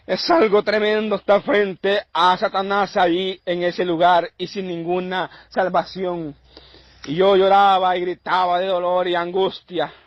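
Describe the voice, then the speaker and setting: A man with a high voice preaches his own testimony slowly and deliberately. He tells it intensely and circles back over his phrases. The recording is dull, lo-fi and dry. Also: dry recording. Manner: intense, repetitive storytelling. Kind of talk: emotional testimony.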